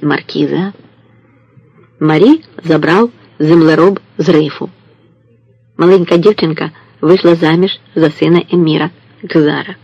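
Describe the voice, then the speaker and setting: Man doing a calm, wise old goatherd. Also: on the high side, vocal fry, slightly rough, no room sound, lo-fi sound, full character voice. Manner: calm, measured and proverb-like.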